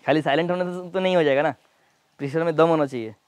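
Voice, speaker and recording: A man talks through a hands-on product demo at a rapid clip, explaining as he goes. His voice sits a little high for a man, and there is a faint noise behind him. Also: a little mellow. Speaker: product reviewer. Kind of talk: casual product demo and review.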